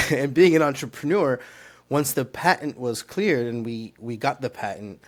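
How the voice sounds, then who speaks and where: A man's voice: medium pitch, unhurried. A middle-aged man from Turkey, a startup founder, telling his story in an interview with an earnest, rambling manner full of fillers and restarts.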